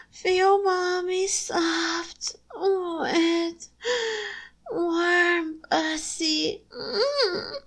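A woman voicing a doting female succubus in an erotic audio roleplay, speaking softly and soothingly with breathy moans between phrases. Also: high voice, heavily acted. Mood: soothing, sensual. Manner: slow, cooing, soothing. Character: doting adult female succubus, soft motherly lover.

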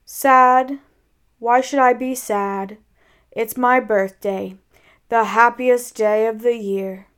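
A woman's voice: fairly high pitch, steady tone, slow pace, a bit bright, smooth. A woman voicing a gloomy, self-pitying old male donkey from a storybook, with a mournful, sighing, sarcastic delivery. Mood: gloomy sarcasm.

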